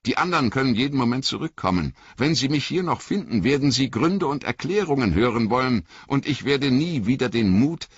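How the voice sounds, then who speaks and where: A man voicing Frodo, a weary but resolute young male hobbit, gentle and firm in an audiobook reading. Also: mid-range voice, expressive, normal speed, few pauses, breathy edge, no echo, muffled recording, voice pushed up. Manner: gentle, firm, fatherly toward companion.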